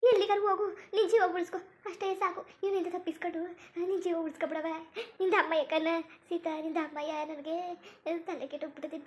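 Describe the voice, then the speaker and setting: Woman doing a lamenting village mother. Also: very high-pitched. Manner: lamenting, urgent warnings. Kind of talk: cartoon voice acting.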